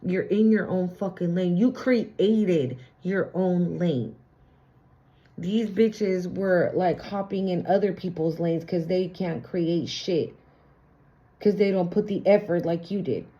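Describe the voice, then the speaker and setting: A woman's voice: fairly low pitch, takes it slowly, dark tone. A woman giving a casual tarot reading, chatty, blunt and sassy, with frequent swearing. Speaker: tarot reader. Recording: slightly muffled lo-fi recording.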